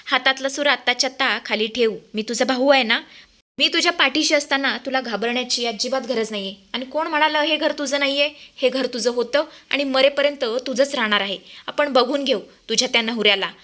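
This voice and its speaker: A woman voicing a panicked young man who shouts and pleads with his sister in a retold serial. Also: sits high, a little fast. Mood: pleading.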